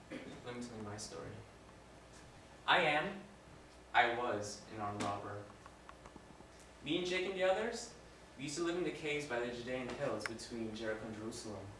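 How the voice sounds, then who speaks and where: A man with a medium-pitched voice performs a live monologue as the repentant condemned robber crucified next to Jesus, a rough-living, remorseful man, telling the story in first person. The acting is light, the mood remorseful and subdued, yet impassioned, swinging from hushed confession to raised, forceful speech. Recorded with a distant mic in a very echoey room, with faint noise.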